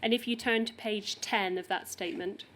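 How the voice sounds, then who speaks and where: A woman's voice: medium pitch, steady tone, normal speed, a bit bright, slight background noise. A woman with a Northern Irish accent, questioning a witness at a formal hearing in a polite, methodical way. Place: inquiry hearing room.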